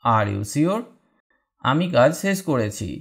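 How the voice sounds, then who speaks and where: A man teaching spoken English, reading each short sentence and then repeating the English slowly and deliberately. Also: mid-range voice, very animated, vocal fry, fairly bright tone. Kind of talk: slow read-aloud drill lesson.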